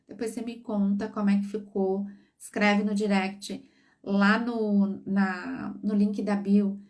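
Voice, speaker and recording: A woman psychologist with a mid-range voice, far from the mic, counsels parents on a live stream. She keeps her coaching warm and checks in to see that people are following.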